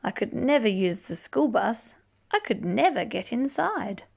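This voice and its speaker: This is a lively children's read-aloud by a female narrator whose pitch is very expressive and playful. Her pace is slow, her voice a little creaky, and she lingers on words for emphasis. Asides are sprinkled through the story for the kids listening.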